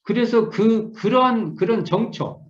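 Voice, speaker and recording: A man's voice: high voice, unhurried. A middle-aged man, a minister, gives an online scripture lecture, repeating key words and restarting often as he muses through his explanation. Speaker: Won Buddhist minister teaching scripture. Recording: echoey room, dull lo-fi sound.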